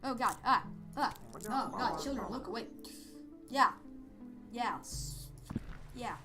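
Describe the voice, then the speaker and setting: A male let's play host with a Swedish accent slips into a very high-pitched, exaggerated, expressive voice, speaking slowly. He rambles hesitantly through the game, stammering and letting out jumpy yelps when something startles him, all over loud game music.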